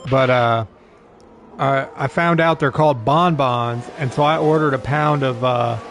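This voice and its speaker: A young man streams a racing management game in a relaxed, rambling chat with his viewers and a friend. His voice carries a gravelly fry at a middle pitch. Faint music plays in the background. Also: unhurried. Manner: rambling, easygoing, talks to a friend on a call. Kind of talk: casual live-stream chat.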